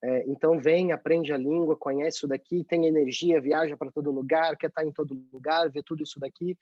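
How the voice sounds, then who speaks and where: Brazilian-accented male guest, fairly high voice, chatty and animated, dry muffled video-call audio. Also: fairly quick, no echo. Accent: Brazilian Portuguese. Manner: chatty, tag questions, animated. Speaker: guest, journalist abroad. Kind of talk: casual interview over video call.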